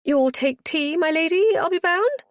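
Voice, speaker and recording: Reading a novel aloud, a woman voices a flustered, fussing older village widow, pushing her own voice very high. The delivery is animated yet unhurried, fluttery and gushing with old-fashioned politeness. The studio-quality recording has no room sound.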